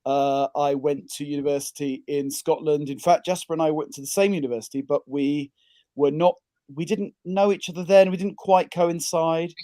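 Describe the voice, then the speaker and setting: A man's voice: a little high, little pitch movement, moderate pace, mellow, no echo. A man from England talking over an audio-only call, self-deprecating and rambling with restarts. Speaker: guest, kidney donor. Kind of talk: casual interview chat. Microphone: video call, audio only.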